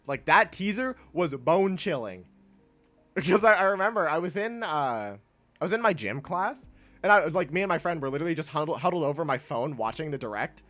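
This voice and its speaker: In a dry recording, a young man with a medium-pitched, fairly bright voice chats casually on a livestream, reading and answering his chat. He's congested with a stuffy nose, rambles, and keeps interrupting himself with laughter.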